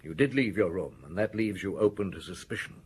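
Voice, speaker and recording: A man's voice: low-pitched, fairly quick, husky. A man playing a shrewd, stern, middle-aged police inspector in a radio detective drama, questioning with formal authority. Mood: firm, measured.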